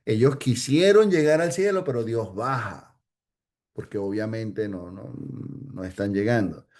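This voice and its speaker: A man's voice: mid-range voice, darkish tone. A man teaching an informal Bible study, hesitant, with many fillers and restarts, often checking in with "ok?".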